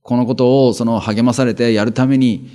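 A man's voice: mid-range voice, fairly even intonation, normal speed, mellow. Male pastor, sermon, reads verses then explains, chatty asides, rhetorical questions. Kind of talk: sermon with Bible reading.

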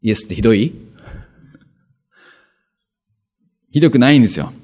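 A man's voice: mid-range voice, animated, slow, darkish tone. A male pastor preaching, reading Bible verses aloud and then explaining them in a conversational way, with rhetorical questions and asides.

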